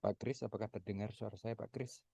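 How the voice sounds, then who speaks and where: A man's voice: fairly low pitch, steady tone, fast talker, creaky, warm tone, slightly rough, dry recording. A man on a video call whose voice comes through very faint, as if the phone is held away from his mouth, and he keeps asking whether he can be heard. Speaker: seminar participant. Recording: faint and distant from the mic.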